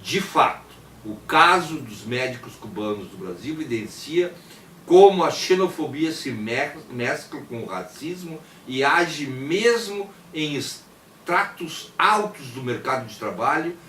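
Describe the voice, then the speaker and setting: A Brazilian man with a mid-range, fairly bright voice reads a prepared text aloud formally. He stumbles and rereads words at times, and voices quotation marks aloud as if dictating. The mic is distant, the room echoey, with faint background noise.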